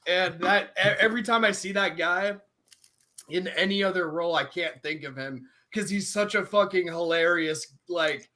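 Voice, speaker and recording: A man's voice: high-pitched, normal speed, pushed and bright. A young man in casual chat on a livestream, rambling with lots of filler words. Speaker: stream host.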